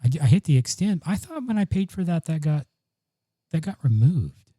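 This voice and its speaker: A podcast co-host chats casually into a broadcast dynamic studio mic, rambling with lots of ums and restarts. His voice is on the high side and mellow, with big pitch swings and a moderate pace, recorded dry.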